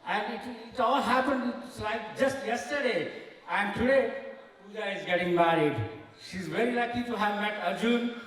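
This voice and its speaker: Man, middle-aged, fond laughing storyteller, high-ish voice, distant mic, reverberant hall. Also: normal speed, a bit bright. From India. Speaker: uncle of the bride giving a speech. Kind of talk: wedding reception speech. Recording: echoey banquet hall, mic far off.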